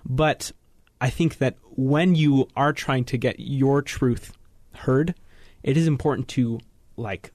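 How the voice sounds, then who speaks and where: Measured teenage boy on a radio panel. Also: medium pitch, darkish tone, dry recording, studio quality. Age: teens. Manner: measured, explanatory, frequent ums. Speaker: teen panelist. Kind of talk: thoughtful radio panel talk. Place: radio studio.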